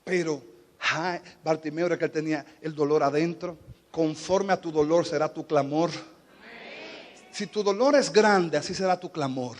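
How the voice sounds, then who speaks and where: A high-voiced man with a Dominican Spanish accent preaches a sermon. He talks low and steady while teaching, then climbs into fervent, shouted exhortation. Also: normal speed, long reverb tail. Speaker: pastor.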